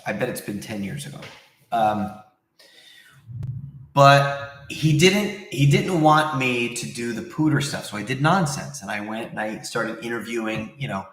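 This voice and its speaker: A man's voice: mid-range voice, a bit bright. A man hosting a casual livestream, rambling conversationally as he answers viewers, recorded in a very echoey room. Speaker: livestream host.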